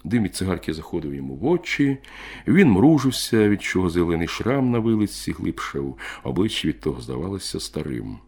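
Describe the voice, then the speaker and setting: A man reading a literary short story aloud in measured storytelling. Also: low-pitched, very animated, darkish tone, slightly rough. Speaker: narrator.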